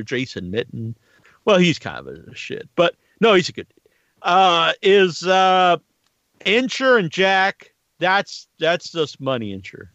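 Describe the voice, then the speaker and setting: A middle-aged man hosts a casual podcast, rambling and halting, with a crude, joking streak. His voice is fairly high and fairly bright. The audio is very dry, echo-free, and a bit muffled, like a lo-fi online stream.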